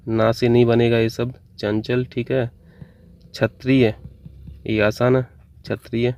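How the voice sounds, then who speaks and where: A man teaching an exam-prep Hindi spelling lesson, going briskly from word to word and correcting each one. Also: medium pitch, creaky, darkish tone, no room sound. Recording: dull, dry lo-fi recording.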